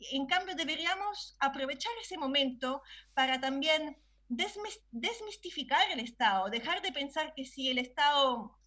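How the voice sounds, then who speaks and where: A woman's voice: sits high, expressive, moderate pace, pushed and bright. A woman, a guest philosopher on a panel, talking hesitantly with many fillers and restarts. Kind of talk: panel discussion.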